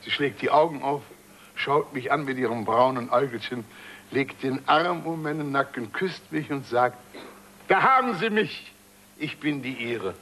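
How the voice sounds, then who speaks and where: A man's voice: medium pitch, animated, moderate pace, bright, forceful tone, a little hiss or hum. An actor playing a boastful middle-aged man who can't swim, telling a tale sheepishly and dramatically in a 1960s comedy record. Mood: fond. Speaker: comic storyteller.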